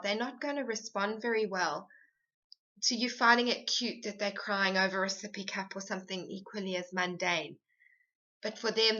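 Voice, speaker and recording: Bright-voiced woman giving earnest advice. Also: medium pitch, muffled recording. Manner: earnest, steady, explanatory. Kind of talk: podcast advice monologue.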